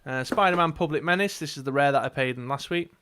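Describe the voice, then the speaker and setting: A man's voice: fairly high pitch, fast talker, fairly bright tone, clean tone. A man co-hosting a casual dice game stream, talking his team through with lots of fillers and reading out card text. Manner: chatty, many fillers, reads out card text. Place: indoors at a gaming table.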